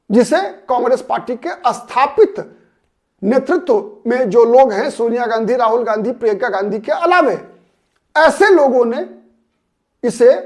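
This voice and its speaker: Man giving analytical political commentary. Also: very high voice. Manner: analytical, poses rhetorical questions and answers them; repeats names and key words for emphasis. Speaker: political commentator and channel host. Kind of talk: solo political commentary to camera.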